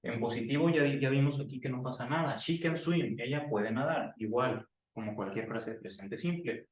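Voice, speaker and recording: A man giving a classroom English grammar lesson, explaining slowly and repeating example sentences. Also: medium pitch, recorded from a distance, a little hiss or hum. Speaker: English teacher. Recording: roomy echo, voice from off mic.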